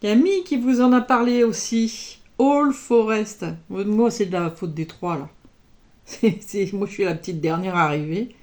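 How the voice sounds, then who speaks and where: A woman from France, an embroidery vlogger, chats casually while showing off her projects, dropping little interjections throughout. Her voice is medium-pitched and a little mellow, and she speaks at normal speed.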